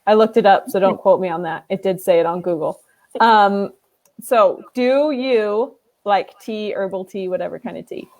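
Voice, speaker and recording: A woman chatting on a video call, telling a funny story and quoting herself in a squeaky voice. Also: normal speed, a little mellow. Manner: giggly, quotes herself in squeaky voice. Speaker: author and group admin, moderator. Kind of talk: casual video call chat.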